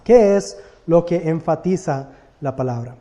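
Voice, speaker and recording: Guy teaching bible class, kinda high voice but mellow, explains stuff and keeps checking in with the class. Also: expressive, a little slow.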